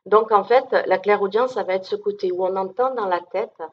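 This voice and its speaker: A female medium with a brisk, mid-range voice gives an informal conference talk to an audience, and the recording sounds muffled. She is down-to-earth and chatty, filling her speech with fillers and frequent check-ins with listeners.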